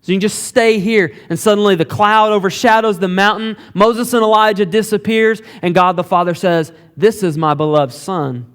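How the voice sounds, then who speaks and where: High-voiced pastor preaching a sermon. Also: male voice, fairly even intonation, moderate pace, hardly any pauses, a bit bright, clean tone. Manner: storytelling, acting out quoted lines in a lower voice; rhetorical questions to the congregation. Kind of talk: expository sermon.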